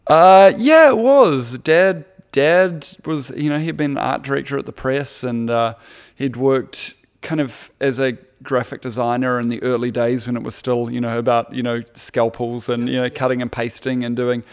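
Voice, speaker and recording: A man with a New Zealand accent, a guest in a casual interview, telling stories about his past in a relaxed, reflective way. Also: mid-range voice, moderate pace, clear, resonant tone. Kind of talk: casual chat.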